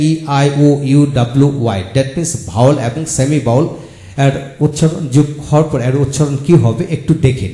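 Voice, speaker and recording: A man with a mellow, relaxed voice pitched slightly high teaches English pronunciation in a video lecture. He addresses viewers as friends and drills each example word by repeating it and spelling it letter by letter. The sound is roomy with clear echo.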